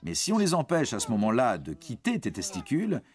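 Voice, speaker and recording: A man narrates an educational cartoon briskly, his medium-pitched voice swinging hugely in pitch. He speaks right to a young listener in a playful, story-like way. Music sits under his voice.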